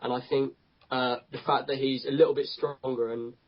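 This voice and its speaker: A man's voice: medium pitch, little pitch movement, moderate pace. A man on a casual football podcast, stating his opinions plainly. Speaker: podcast contributor. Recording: dull lo-fi podcast audio.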